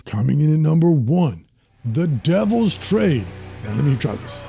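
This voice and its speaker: Man, gravelly voice, mellow dark tone, casual album review, enthusiastic. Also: on the high side, big pitch swings, measured pace, faint music behind. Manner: enthusiastic, joking. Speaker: host.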